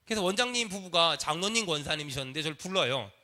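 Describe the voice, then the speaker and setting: A man's voice: a little high, expressive, fast talker, pushed and bright. A man preaching a sermon in a church, leading the congregation in call and response. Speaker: pastor. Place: church sanctuary.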